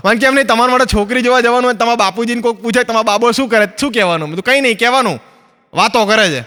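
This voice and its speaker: Fast, bright-voiced Ahmedabad comedian. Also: male voice, very high-pitched, big-room sound. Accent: Ahmedabad Gujarati. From Ahmedabad, Gujarat, India. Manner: chatty storyteller acting out both sides of dialogues. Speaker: stand-up comedian. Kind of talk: stand-up comedy monologue. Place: stage, filmed for a comedy recording.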